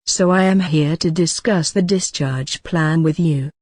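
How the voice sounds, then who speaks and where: A woman playing a reassuring ward nurse in a scripted role-play, speaking gently, calmly and rather formally. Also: low-pitched, unhurried, dry recording, clean studio sound. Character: reassuring female ward nurse counselling a patient. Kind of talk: scripted role-play dialogue for exam practice.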